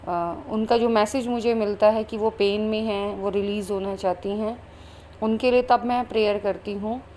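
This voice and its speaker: A woman's voice: medium pitch, a little mellow, a little hiss or hum. Earnest woman telling a spiritual vision. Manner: earnest, flowing Hindi-English mix with fillers. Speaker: spiritual channel host. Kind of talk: personal spiritual account.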